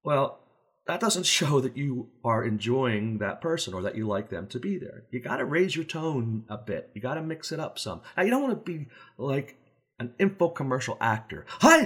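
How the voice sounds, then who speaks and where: Brief: male safety trainer, mid-range pitch, easygoing and folksy, acts out quick voices to make points. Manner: relaxed, folksy, uses everyday examples. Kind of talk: conversational instructional talk.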